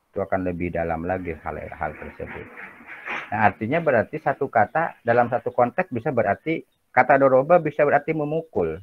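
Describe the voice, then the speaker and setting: A man's voice: medium pitch, lively intonation, brisk, slight background noise. Guy teaching a class, joking around a lot, keeps asking ya nggak, muffled lo-fi sound. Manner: chatty, jokey, peppers talk with tag questions. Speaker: university lecturer. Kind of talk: casual classroom lecture.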